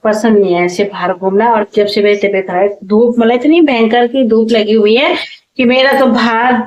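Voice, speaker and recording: A woman from Uttarakhand in her thirties, loudly and chattily vlogging her day at home and in the kitchen while feeling a bit unwell. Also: fairly high pitch, fairly even intonation, moderate pace, muffled recording. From Uttarakhand, India. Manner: loud, talkative, says she speaks loudly by habit. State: unwell, tired. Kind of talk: casual home vlog chat. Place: small home rooms and kitchen. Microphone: clip-on mic at times, later phone camera without it.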